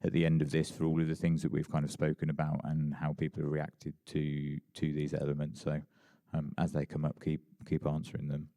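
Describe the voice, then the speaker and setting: Very deep-voiced casual panel chair. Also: male voice, monotone, brisk, hardly any pauses, warm tone. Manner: casual, chatty, self-deprecating with many fillers. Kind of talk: moderating a panel. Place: conference hall.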